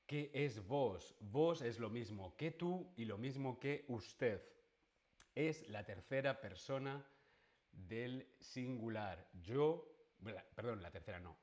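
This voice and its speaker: Slow, patient teacher, a man. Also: medium pitch, animated, darkish tone. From Spain. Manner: slow, patient, with rhetorical questions to the viewer. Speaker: Spanish teacher. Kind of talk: online language lesson.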